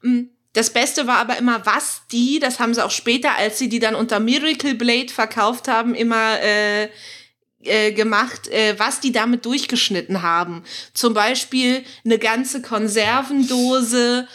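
Female podcast co-host, somewhat high voice, informal chatty delivery. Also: fairly even intonation, measured pace, a bit bright. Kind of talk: casual chat.

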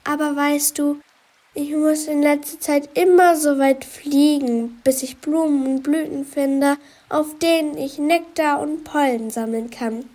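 A woman voicing a small, soaked, timid female bee in a children's storybook, with a high, soft, sniffling voice. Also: fairly even intonation, unhurried. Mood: sad. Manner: sniffling, downcast.

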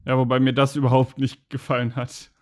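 A man's voice: medium pitch, monotone, brisk, a little mellow, no room sound, studio quality. A man chatting casually on a podcast about a video game, talking in a rambling, hesitant way with many fillers.

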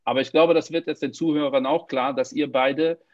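A man's voice: mid-range voice, a little fast, no echo, highs cut off. A man who grew up in Portugal, hosting a podcast and chatting casually with many fillers and jokes. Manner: joking, lively storytelling with many fillers. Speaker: podcast host. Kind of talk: casual interview chat.

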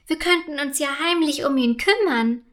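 A woman's voice: high-pitched, normal speed, a bit bright. A woman voicing a timid young girl with a small, piping voice. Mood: anxious.

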